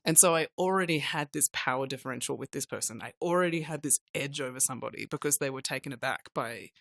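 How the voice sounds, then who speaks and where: A woman's voice: a bass voice, fast talker, gravelly, a bit bright, no echo. A middle-aged woman co-hosting a podcast, explaining her views in casual conversation. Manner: thoughtful, explanatory. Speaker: podcast co-host.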